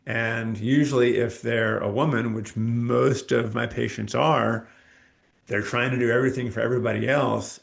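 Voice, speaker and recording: A man's voice: mid-range voice, vocal fry. A man, a chiropractor, talking earnestly as a podcast guest, telling patient stories and acting out the dialogue. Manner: earnest, storytelling, acts out quoted dialogue. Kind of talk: reflective interview talk.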